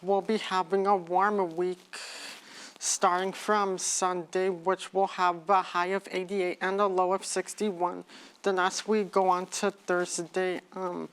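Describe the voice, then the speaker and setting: Low, smooth, even young woman forecasting weather. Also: a little slow. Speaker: student weather presenter.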